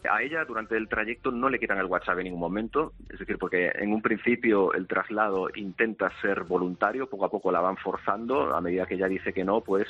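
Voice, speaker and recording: A man's voice: lowish voice, fairly quick, hardly any pauses, husky. A male journalist explaining a case in a radio clip, hesitant and repeating words. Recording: dull, lo-fi radio audio.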